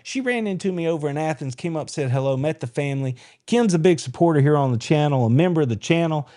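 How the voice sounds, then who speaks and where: A man hosts a live sports podcast. His talk is folksy and full of teasing banter. His voice sits a bit high and swings widely in pitch. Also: a little mellow. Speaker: podcast host. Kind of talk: casual live-stream sports chat.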